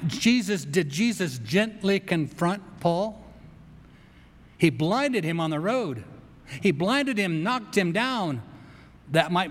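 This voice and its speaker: A man preaching a sermon emphatically, with rhetorical pauses and repeated phrases, in a reverberant church. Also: a little high. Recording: long reverb of a large hall.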